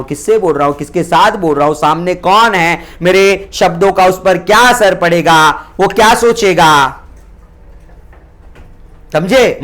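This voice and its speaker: High-voiced joking male teacher. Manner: animated, joking, preachy. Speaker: tuition teacher. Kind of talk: classroom lecture. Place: classroom with students.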